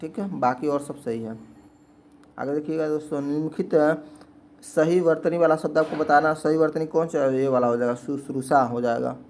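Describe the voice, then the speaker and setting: Man teaching spelling, higher-pitched. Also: moderate pace, darkish tone, slight background noise. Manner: repetitive question-and-answer explaining. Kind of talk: exam-prep lesson.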